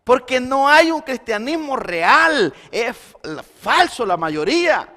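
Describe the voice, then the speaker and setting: A man preaching a Sunday sermon as pastor, swinging between loud emphasis and quiet intensity. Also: extremely high pitch, big pitch swings, slow pace. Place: church sanctuary. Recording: long church hall reverb.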